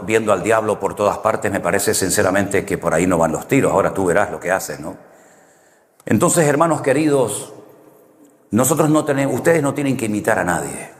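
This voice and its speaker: A man preaching a conversational sermon, full of anecdotes, who often closes a point with a questioning "no?". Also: fairly low pitch. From Canary Islands, Spain. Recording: long hall reverb.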